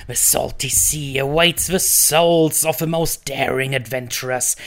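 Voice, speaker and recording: A man's voice: mid-range voice, fairly even intonation, measured pace, gravelly, fairly bright tone. A man putting on a hammy pirate captain. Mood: boisterous. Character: boisterous male pirate captain.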